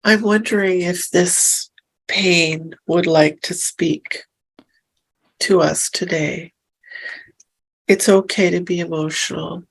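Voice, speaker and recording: A woman leading a hypnosis session, speaking softly and reassuringly as she gently asks questions. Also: fairly low pitch, steady tone, vocal fry, breathy edge, poor audio. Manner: soft, slow and soothing, reassuring. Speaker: hypnosis practitioner.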